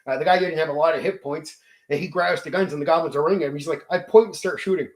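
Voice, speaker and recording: Animated man telling a game story. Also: a little high, racing. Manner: animated, swears freely, acts out sound effects and quotes. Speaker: channel host. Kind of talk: casual storytelling about a game session.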